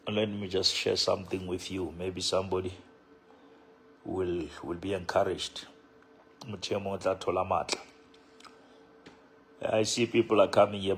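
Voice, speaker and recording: A man with a Sotho accent casually greeting livestream viewers as a church leader, unhurried and often repeating his phrases. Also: deep voice, slight background noise, rough recording. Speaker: bishop, live stream host.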